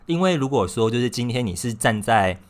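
A man co-hosting a casual podcast chat over an online call, calmly explaining his side. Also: mid-range voice, a little fast. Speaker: podcast co-host. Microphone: remote online call.

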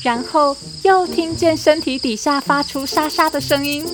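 A woman host reading a picture book aloud to children, in a gentle, coaxing manner. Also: high-pitched, normal speed, background noise. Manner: gentle, coaxing, addressing kids.

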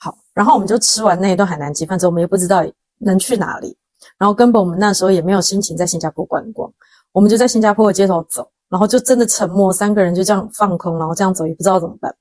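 A young woman with a Taiwanese Mandarin accent, hosting a podcast and telling a story in a casual, animated way, acting out quoted lines with slang. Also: mid-range voice, very fast, no room sound. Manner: animated, dramatic retelling with quoted dialogue and slang. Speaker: podcast host.

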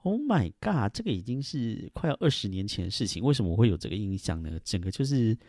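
A man's voice: on the low side, sing-song, quick pace, a little mellow, no room sound, clean studio sound. A middle-aged man hosting a casual solo podcast, rambling and chuckling, with many fillers. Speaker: podcast host.

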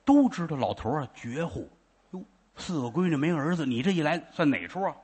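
A man performing comedic crosstalk, telling an exaggerated story in an animated way. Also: on the high side, a little fast, breathy edge.

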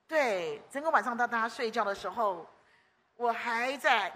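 Woman preacher, high and bright, lively storyteller with exclamations; sermon delivery. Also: normal speed.

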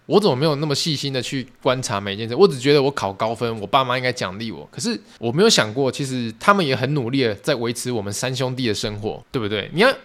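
A young man with a Taiwanese Mandarin accent, hosting a podcast and telling a personal story in a fast, animated, emotional way. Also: medium pitch. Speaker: podcast host.

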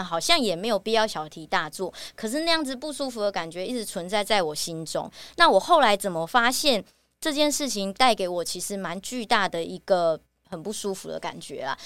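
A young woman with a Taiwanese Mandarin accent, hosting a podcast and telling a personal story in a halting, reflective way. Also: medium pitch, fairly bright tone, clear, resonant tone, dry recording. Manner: halting and reflective, with many fillers. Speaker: podcast host.

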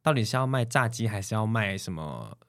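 A man's voice: fairly low pitch, brisk, no echo, clean studio sound. A man with a Taiwanese Mandarin accent, a podcast guest telling stories in casual chat and acting out the voices of people he quotes. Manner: animated, acts out quoted voices.

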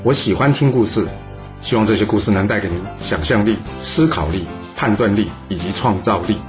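A man's voice: on the low side, animated, a little fast. A man host giving a friendly, welcoming channel introduction. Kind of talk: show intro. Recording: intro with music behind.

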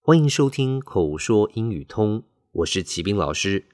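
A man teaching an English speaking lesson, explaining clearly and deliberately as he switches between English and Chinese. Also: on the low side, big pitch swings, a little mellow, dry recording, studio quality. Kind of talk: bilingual language lesson.

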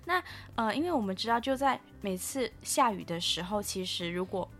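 A young woman co-hosting a casual podcast, explaining things at a measured pace with frequent fillers. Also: mid-range voice, animated, fairly bright tone, soft background music. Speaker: podcast co-host. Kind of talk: casual chat.

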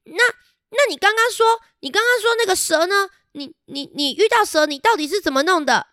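A woman's voice: very high-pitched, animated, a little fast, a bit bright, no room sound, studio quality, voice pushed up. A woman voicing a brave, blunt young male rhinoceros beetle who presses with questions. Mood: puzzled.

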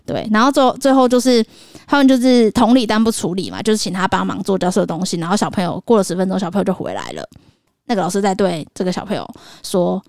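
A woman in her thirties chats quickly and animatedly on a podcast, often slipping into little voices for a child and a teacher. Her voice is mid-pitched and recorded dry and close, with no room sound around it. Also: lively intonation, a little mellow, no room sound. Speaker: podcast co-host. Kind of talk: casual chat.

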